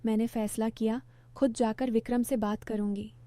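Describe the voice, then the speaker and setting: A middle-aged woman narrating a first-person story in a calm, even way. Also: a little high, moderate pace, no room sound.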